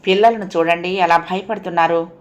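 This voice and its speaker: A woman voicing a caring wife who soothes her frightened husband, affectionate and reassuring, her voice higher than her narration. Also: steady tone, fairly quick, highs cut off, natural voice. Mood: soothing, concerned.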